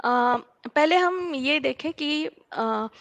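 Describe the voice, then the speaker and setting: A woman who works as a life coach, answering interview questions slowly and listing her points one by one. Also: sits high, animated, gravelly, fairly bright tone, dry recording. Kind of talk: interview answers mixing Hindi and English.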